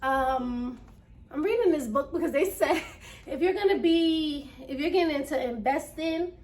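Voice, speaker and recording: A woman's voice: sits high, unhurried, darkish tone. A woman talking casually in her first vlog. She is earnest and a bit nervous, slightly out of breath, and repeats herself with plenty of fillers. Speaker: vlogger. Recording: voice a little distant from mic.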